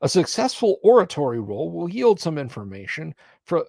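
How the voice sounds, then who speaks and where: A man's voice: a little high, huge pitch swings, moderate pace, vocal fry, darkish tone, dry recording, clean studio sound. A man narrating a tabletop horror game live as game master, reading aloud and commenting.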